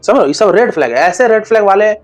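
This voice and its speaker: A fast-talking, expressive man with a fairly high voice speaks directly to camera, giving relationship advice in a casual monologue. He's blunt and slangy, dropping crude jokes along the way, with soft music faintly behind him.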